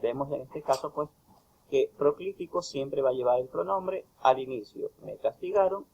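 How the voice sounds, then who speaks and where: Male tutor, gravelly husky voice, emphatic lecture delivery, dull lo-fi recording. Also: mid-range voice, a little mellow. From Ecuador. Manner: slow, emphatic reading of example phrases. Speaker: university tutor. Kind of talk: recorded lecture explaining grammar.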